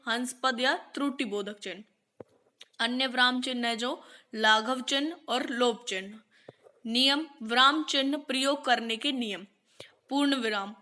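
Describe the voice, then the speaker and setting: Woman teacher, bright and slightly high voice, clear explanatory lesson delivery. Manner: explanatory, reads out examples slowly. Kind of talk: grammar lesson.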